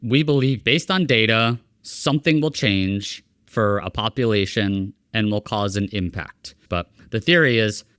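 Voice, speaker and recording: A man's voice: on the low side, a little slow, hardly any pauses, fairly bright tone, smooth, no echo, clean studio sound. A man hosting a podcast, explaining ideas step by step in a casual conversation. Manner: explanatory, laying points out step by step. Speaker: podcast host.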